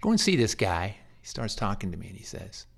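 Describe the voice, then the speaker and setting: A man's voice: on the low side, very animated, a little fast, vocal fry. A man, a hospice chaplain, telling a long story in an earnest, rambling way, repeating words as he goes. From United States. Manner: earnest and pastoral. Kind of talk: storytelling in a faith interview.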